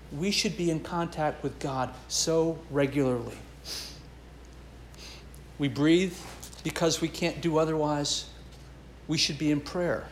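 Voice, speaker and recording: A man's voice: a little high, reverberant, a little hiss or hum. A man preaching a sermon as pastor, earnest and emphatic, building and dropping his intensity.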